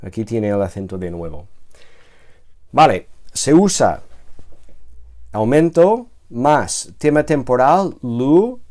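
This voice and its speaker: A man giving a recorded lecture, explaining slowly with many fillers, restarts and check-ins with his listeners. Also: mid-range voice, very animated, mellow. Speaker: Greek teacher.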